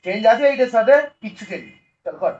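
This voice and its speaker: Male chemistry teacher, high voice, lively classroom explainer, dull lo-fi sound. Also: quick pace. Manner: lively, coaxing, keeps checking students understand. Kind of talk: classroom lecture.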